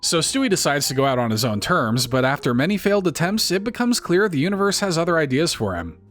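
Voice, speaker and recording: A man's voice: on the high side, big pitch swings, quick pace, a bit bright, soft background music. A man giving scripted comedic narration, full of wry, sarcastic asides.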